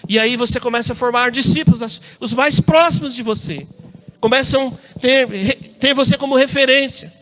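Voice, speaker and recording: A Brazilian man preaching to his congregation, his voice sitting unusually high. He speaks in a church, often turning to the listeners as brothers and weaving personal stories into the sermon. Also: moderate pace, fairly bright tone, soft background music. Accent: Brazilian Portuguese. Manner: addresses congregation as brothers, tells personal anecdotes.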